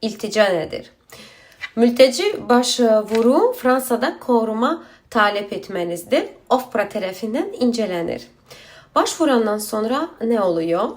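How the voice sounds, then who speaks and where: With a slightly high voice and lively intonation, a woman hosts an informal explainer on the asylum procedure, answering questions. Her Turkish is halting and broken, non-native, Azerbaijani-accented and mixed with Azerbaijani words.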